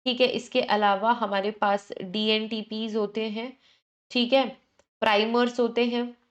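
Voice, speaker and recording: Woman giving a brisk revision lecture. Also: on the high side, level tone, highs cut off. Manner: brisk, repeats "ठीक है" to check in, self-correcting; mixes English terms into Hindi explanation. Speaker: teacher.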